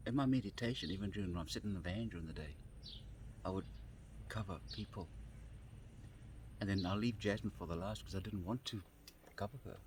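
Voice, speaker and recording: A man with a very low voice tells a personal story outdoors. He talks in a halting, unhurried way and often restarts or repeats his phrases. Faint birdsong and outdoor ambience sit quietly behind him. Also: slight background noise. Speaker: vlogger. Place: outdoors on grass.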